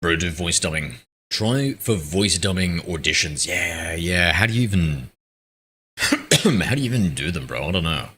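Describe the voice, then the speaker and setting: Deep, bright-toned man streaming. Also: animated, unhurried, slight background noise. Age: 30s. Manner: chatty, reads chat aloud and banters back. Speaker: game streamer. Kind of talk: casual live-stream chat.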